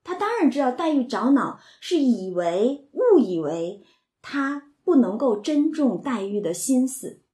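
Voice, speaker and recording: A woman talks through a classic novel in a relaxed, conversational way, retelling scenes and slipping into the characters' lines. Her voice sits a little high, and she leans on filler words as she explains. The recording carries a noticeable roomy echo. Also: a little slow. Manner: retells scenes, slips into quoted dialogue, frequent filler words. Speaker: literature commentator.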